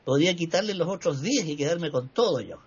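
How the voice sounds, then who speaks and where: A grasping, distrustful merchant, as a storyteller puts him on, with a husky, slightly high voice. He is heard in a slightly muffled recording. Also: expressive, a little fast. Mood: greedy. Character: greedy, suspicious male merchant.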